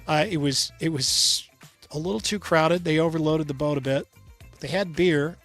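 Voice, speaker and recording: A man co-hosting a radio show while abroad, chatting casually with halting restarts and chuckles. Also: a little high, fairly bright tone, soft background music. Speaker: radio co-host calling in from travel. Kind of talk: casual chat.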